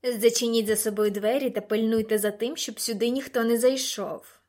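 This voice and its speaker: A woman's voice: a little high, fairly even intonation, normal speed, a little mellow, lightly acted. A woman reading an audiobook and voicing a sly, rat-faced male villain who hisses his threats with gloating zeal.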